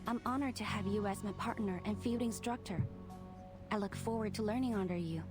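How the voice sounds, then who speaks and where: A woman's voice: mid-range voice, brisk, music in the background, natural voice. A woman playing an earnest, literal-minded young cadet, speaking formally and politely.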